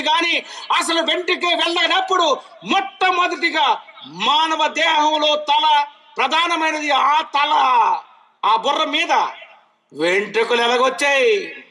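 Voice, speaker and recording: A man preaching a sermon, throwing questions at his listeners and moving from loud calls to low asides. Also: a little slow, poor audio.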